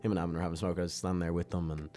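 Young man, very low voice, animated casual storyteller. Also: rapid-fire. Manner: animated, acts out other people's voices in quotes.

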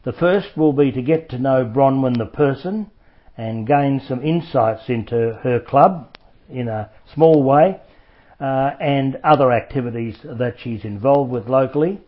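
A man interviewing a guest on community radio, introducing her in a formal, warmly effusive way. His voice sits at an ordinary pitch. The recording sounds a little dull and lo-fi. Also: measured pace.

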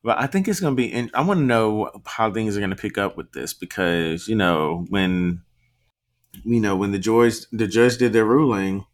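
A man co-hosting a podcast in a casual chat, relaxed, recapping scenes with quoted lines and laughs. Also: on the low side, moderate pace. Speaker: podcast co-host.

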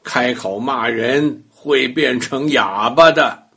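A man's voice: medium pitch, slow, sharp tone, slightly rough, voice pushed down, heavily acted. An older man doing a chuckling, teasing tumbler toy. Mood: scolding. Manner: chuckling, mocking. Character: giant laughing tumbler toy, teasing and wise.

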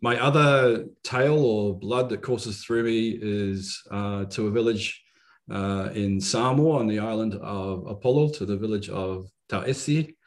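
A man in his fifties speaks in a fairly low voice with a New Zealand accent. He introduces himself in a reflective, conversational style, pausing often as he goes in a measured, halting flow. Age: 50s. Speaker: podcast guest.

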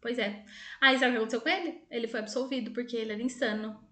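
High-voiced woman telling spooky tales. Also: very fast, roomy sound. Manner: animated, laughing, shifting into quoted voices. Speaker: podcast co-host. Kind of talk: casual storytelling chat.

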